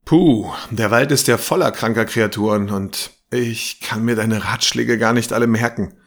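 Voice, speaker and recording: A man reading the lines of an exasperated young woman traveler, a little higher and louder than his narration. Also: moderate pace.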